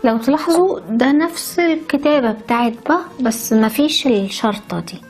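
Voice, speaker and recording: Soft music plays behind a woman with an Egyptian Arabic accent as she teaches how to write letters. She explains step by step at normal speed, cheerfully adding chatty asides. Her high-pitched voice is a little mellow, with lively intonation.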